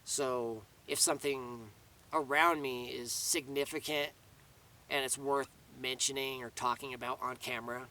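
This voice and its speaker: A man with a medium-pitched, steady voice that sounds pushed and bright speaks a little slowly, recorded from a distance. As a vlogger in the mountains, he gives a casual update to camera, rambling along with many fillers and restarted sentences.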